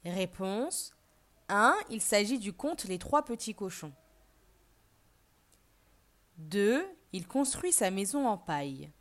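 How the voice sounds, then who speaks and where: A woman teacher reading a fairy tale aloud for learners, then asking questions and reading a vocabulary list. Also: mid-range voice. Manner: clear, deliberate, expressive reading. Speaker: French teacher. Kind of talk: slow storybook narration and vocabulary lesson.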